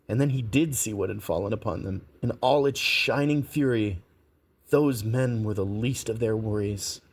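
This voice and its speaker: Calm man narrating an audiobook. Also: fairly low pitch, moderate pace. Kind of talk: scripted narration.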